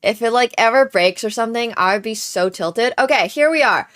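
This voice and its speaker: A young livestream host whose native language is Chinese chats casually with her viewers, thanking them and trying out greetings in many languages. Her voice is on the high side, animated, and fairly bright, at a moderate pace, with faint music playing behind her.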